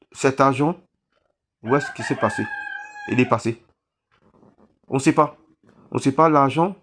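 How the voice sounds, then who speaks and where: A man from Réunion speaking straight to his viewers, halting and full of restarts, pleading for help after a cyclone. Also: medium pitch. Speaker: vlogger appealing for donations. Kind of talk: emotional appeal to camera.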